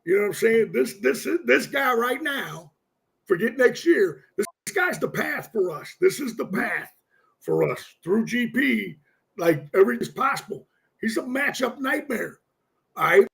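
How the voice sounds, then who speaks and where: A high-pitched man with a gravelly edge breaks down a football game for a sports talk show. His voice leaps up and down as he gets worked up, and he curses freely. He keeps circling back to repeat his points. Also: a little slow. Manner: excitable, profane, repeats himself.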